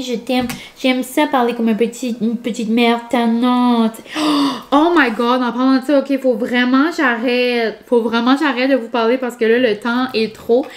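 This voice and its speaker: A woman talking casually to her vlog camera at home, rambling and chatty with lots of fillers. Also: fairly high pitch. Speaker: vlogger. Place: home, indoors.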